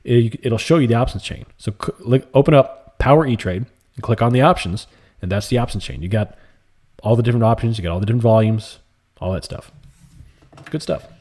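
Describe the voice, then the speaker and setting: A male livestream trading host answers viewer comments casually and calmly, in a soft, laid-back manner. His voice is mid-range and fairly quick.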